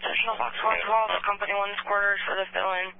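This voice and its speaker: A man's voice: high voice, level tone, fast, vocal fry. A man working as a fire dispatcher, making formal announcements over the radio. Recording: noisy, tinny dispatch radio.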